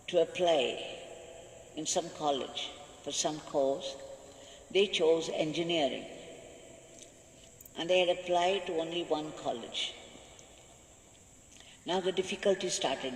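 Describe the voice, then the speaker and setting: A man's voice: on the high side, takes it slowly, long pauses. A man tells a devotional story in a slightly raised voice, leaning hard on key words with growing conviction. His voice rings through a large, reverberant hall. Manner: earnest, emphatic retelling with rising intensity. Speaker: spiritual speaker. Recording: echoey hall with long reverb.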